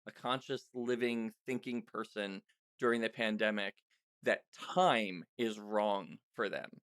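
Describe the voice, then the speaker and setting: This podcast host and interviewer has a lowish, steady voice that's a bit bright, clear and resonant, captured dry with clean studio sound. His conversational, casual style is halting, as he frequently breaks off and restarts while thinking aloud.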